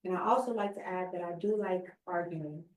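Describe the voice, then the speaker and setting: A young woman in her twenties, a recent college graduate, talks earnestly and expressively in a casual conversation. Her lowish voice is brisk, and the recording sounds roomy, with the mic somewhat distant.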